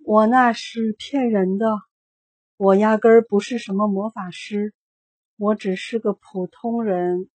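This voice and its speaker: A woman voicing a boastful old humbug wizard who turns meek and shaky, speaking slowly and loudly. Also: medium pitch, fairly even intonation, dry recording, lightly acted.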